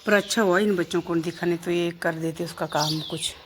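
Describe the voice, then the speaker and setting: A woman's voice: lowish voice, fairly even intonation, a little fast, background noise. A woman casually narrating outdoors as she films, chatting away and cooing at her dogs in a sing-song voice. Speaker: vlogger filming her pet dogs. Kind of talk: casual narration while filming. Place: outdoors around her home and garden.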